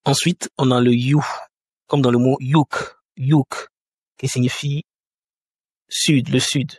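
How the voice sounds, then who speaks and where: Explaining pronunciation in a spoken lesson, a male language teacher speaks patiently at a mid-range pitch, his tone level, darkish and a little breathy. He often hesitates while searching for words and says each example slowly, more than once. The recording is close and dry, with no room sound at all.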